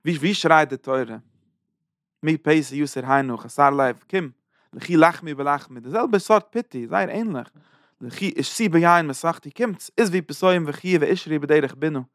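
A man's voice: a little high, moderate pace, no echo, studio quality. A man giving a Torah sermon, chanting verses in a sing-song and repeating phrases for emphasis. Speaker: preacher giving a Torah talk.

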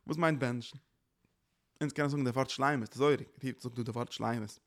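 A man's voice: medium pitch, steady tone, fairly quick, fairly bright tone. A man giving a religious lecture as a teacher, earnestly circling back to restate his points.

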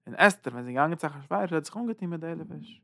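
Gravelly man teaching in halting bursts. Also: fairly high pitch, animated, no room sound, clean studio sound. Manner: halting, repeats words, swings between loud and soft. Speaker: Torah teacher. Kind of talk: Zohar lesson.

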